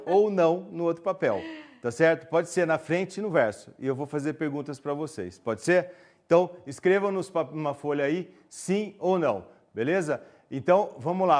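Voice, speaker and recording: Man, Brazilian Portuguese accent, live online class presenter, chatty, lots of fillers. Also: fairly high pitch. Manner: chatty, filler-heavy, joking with the audience. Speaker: webinar presenter.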